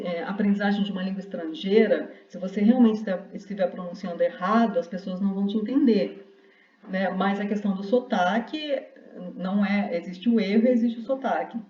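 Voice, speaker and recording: A woman's voice: mid-range voice, moderate pace, a little mellow. Distant, roomy woman lecturing. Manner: explanatory, with many restarts and rhetorical "né?". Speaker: university lecturer. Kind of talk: online class lecture. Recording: roomy, distant, dull lo-fi sound.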